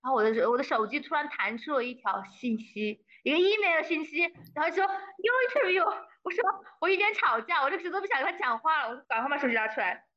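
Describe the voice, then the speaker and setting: A young woman, a guest in a casual interview, telling her story with animated energy and slipping English phrases into her speech. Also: high-pitched, quick pace, hardly any pauses, highs cut off. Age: young adult.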